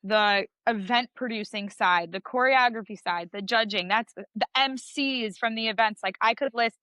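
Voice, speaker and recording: A woman's voice: fairly high pitch, normal speed, bright, forceful tone, clear, resonant tone, no room sound. A young woman, a judge and coach, talking in a chatty, emphatic way in a casual interview. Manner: chatty and emphatic, heavy use of "like".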